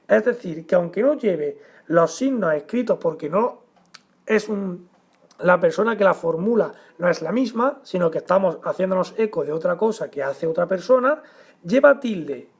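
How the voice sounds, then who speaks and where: A man teaching a grammar lesson, explaining at a measured pace and stressing the example words. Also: high voice, slightly rough.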